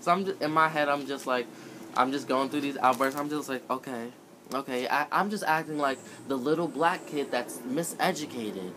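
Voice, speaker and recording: Young male storyteller, casual and foul-mouthed, jumps between loud rants and deadpan mutters; sharp, bright tone. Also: medium pitch, normal speed, a little hiss or hum. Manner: profane and animated, swinging from loud outbursts to flat mutters.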